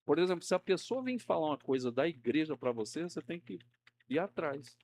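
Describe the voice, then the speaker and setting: A man's voice: fairly high pitch, lively intonation, brisk, a little mellow. A man teaching a Sunday school class, chatty and conversational, often checking in with his listeners and acting out the people in his stories. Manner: conversational, uses tag questions like "né?" often; acts out quoted people in a raised voice. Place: church classroom.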